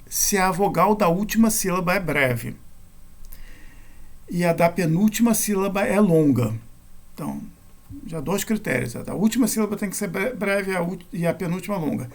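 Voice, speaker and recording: Male teacher, a touch of fry, patient step-by-step lecturing. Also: on the high side. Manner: methodical, self-correcting explanation. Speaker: Greek grammar teacher. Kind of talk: recorded lecture.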